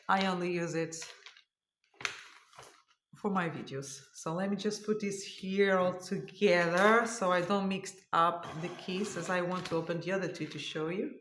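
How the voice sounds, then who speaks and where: A lowish, fairly bright voice comes through with roomy acoustics and a little hiss or hum. It belongs to a cross stitch channel host whose first language is Portuguese, tired after a long day as she chats, thinks aloud, and reaches for words in a casual show-and-tell.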